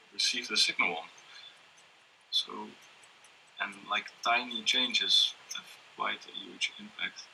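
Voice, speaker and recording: A man explaining step by step how to prepare and solder a coil, talking hesitantly with many pauses and fillers. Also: sits low, vocal fry, sharp tone, rough recording. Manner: hesitant, many ums and restarts, laughs often. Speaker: workshop presenter. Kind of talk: hands-on electronics demonstration. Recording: faint background noise and tool clicks.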